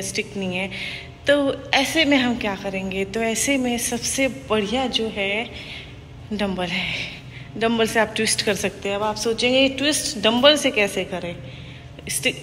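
A thirties-aged fitness vlogger with a slightly high, fairly bright voice shoots a casual workout video on her phone in an empty hotel gym. Chatty and instructive, she explains the exercises while slipping English words in. The phone, handheld at times and propped at others, records an echoey, noisy hall.

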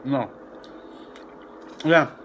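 A man's voice: extremely slow, fairly bright tone, slight background noise. A man hosting a mukbang channel, chewing while talking and giving short, laid-back answers in casual chat over dinner at home.

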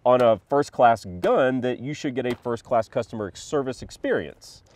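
A man's voice: mid-range voice, normal speed, a little mellow. Rambling man with a slight cough. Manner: rambling, filler-heavy, thinks aloud. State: slight cough, under the weather. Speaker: co-host of a firearms review channel. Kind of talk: casual review chat.

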